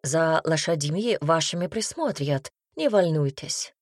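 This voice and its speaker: A woman's voice: deep voice, animated, a little slow, no echo, clean studio sound, voice pushed down. A woman voicing a pushy, emphatic middle-aged duchess in an audiobook, drawing out her words. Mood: insistent. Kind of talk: audiobook character reading.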